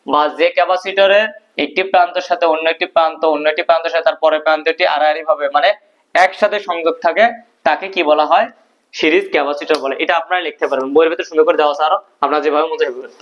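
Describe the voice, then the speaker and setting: A man's voice: fairly high pitch, fairly bright tone. A male teacher explaining a physics proof at a board, asking questions and answering them himself. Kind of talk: physics lesson at a whiteboard. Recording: dull lo-fi recording.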